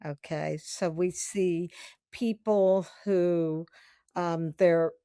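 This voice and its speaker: A woman with a Southern US accent speaks slowly and deliberately, her low voice carrying a gravelly edge. As a podcast guest she explains each point step by step, recorded close and dry. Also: fairly even intonation, dark tone, no room sound. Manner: measured, explanatory. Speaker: trauma expert guest. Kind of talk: podcast interview.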